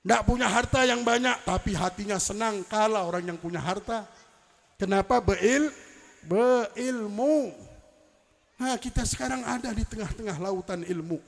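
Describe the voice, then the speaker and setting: A man's voice: sits high, a little slow, vocal fry, in a large hall. A man preaching at a religious celebration, telling stories emphatically and weaving in Arabic quotations. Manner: storytelling, emphatic rising delivery with Arabic quotations. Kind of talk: religious lecture at a public celebration. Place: large event hall.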